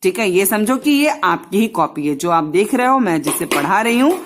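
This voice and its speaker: A woman teaches young children, speaking. She stretches each syllable slowly and repeats the drill line by line. She addresses the kids gently and directly. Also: mid-range voice, sing-song, noisy background. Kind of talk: children's Hindi lesson.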